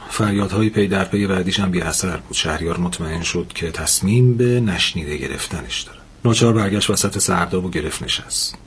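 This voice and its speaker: A man narrating a novel in a steady, measured audiobook reading. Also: sits low, slight background noise.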